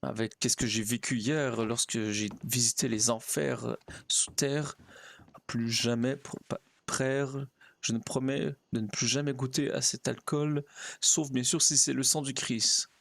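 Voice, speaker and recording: A man's voice: medium pitch, fairly even intonation, unhurried, vocal fry, a bit bright. A man role-playing a naive pastor in a game, chatting to himself and coaxing his horse. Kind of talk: in-character role-play narration.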